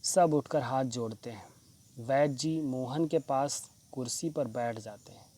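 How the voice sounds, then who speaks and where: A man's voice: medium pitch, mellow. A male teacher reading a textbook play aloud and stopping to explain the meanings of words. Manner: pauses to explain word meanings.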